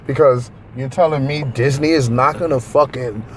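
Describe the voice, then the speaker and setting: A man co-hosting a podcast in casual chat, animated and profane, rambling with frequent laughs. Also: mid-range voice, moderate pace, a little hiss or hum. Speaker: podcast co-host.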